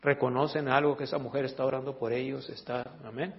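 A man's voice: medium pitch, flat delivery, quick pace. A man preaching a sermon in a church, reading scripture aloud and breaking off for joking asides to the congregation. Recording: dull lo-fi recording.

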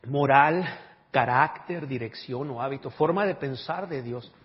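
A pastor preaching a sermon, emphatic and calling on the congregation for responses. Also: male voice, medium pitch, measured pace. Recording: dull audio with long hall reverb.

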